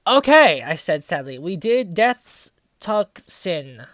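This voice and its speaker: Taking it slowly in a sing-song, fairly bright, medium-pitched voice, a reviewer who seems to be in their twenties reads fan fiction aloud dramatically. The studio-quality audio has no room sound, and the reading keeps breaking into sarcastic, profane, mocking commentary.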